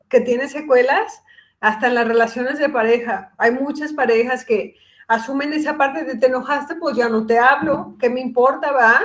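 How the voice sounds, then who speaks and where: A middle-aged woman talks as a guest psychologist on a casual podcast. She is reflective and explains her ideas through examples and quoted dialogue, in a slightly high voice.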